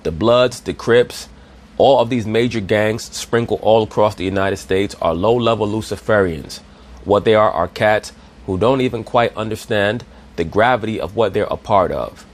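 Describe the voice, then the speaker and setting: Speaking at a moderate pace in a fairly low voice, a man gives preachy online commentary. He calls his listeners brothers and asks rhetorical questions.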